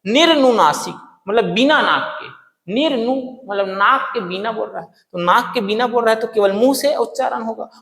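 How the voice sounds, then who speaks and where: A man's voice: sits high, vocal fry, a bit bright. A male teacher giving a grammar lesson, asking and answering his own questions and repeating key terms. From Chhattisgarh, India. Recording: echoey room with long reverb.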